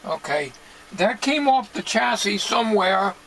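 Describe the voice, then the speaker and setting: A man in his 60s or older, a hobbyist radio restorer, talks casually while working at a bench in a cluttered indoor home electronics workshop. He's plain-spoken and musing with halting delivery, and his voice sits high, animated and a bit bright, with vocal fry. The recording is noisy.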